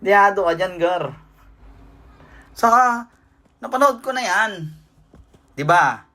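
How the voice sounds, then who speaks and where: A woman's voice: mid-range voice, takes it slowly, a bit bright. A woman giving comic play-by-play of a video game, blurting short action calls and sound effects, then musing and ranting. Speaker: gaming video creator. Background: background music.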